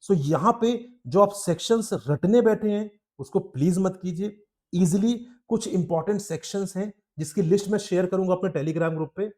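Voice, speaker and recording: Mixing Hindi and English, a male tutor coaches law exam candidates on strategy in a direct, advisory manner, often asking "ठीक है?" to check they follow. He speaks at a moderate pace in a high, warm voice.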